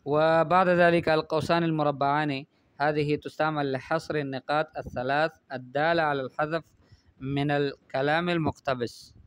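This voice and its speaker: A male teacher explains punctuation marks step by step, in a smooth, clear voice pitched a little high. He repeats phrases to drive points home and keeps checking that his listeners follow. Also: fairly even intonation, fairly quick. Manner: explains patiently, often checking with "good" and "understood?". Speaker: Arabic writing teacher. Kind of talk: classroom lesson on punctuation.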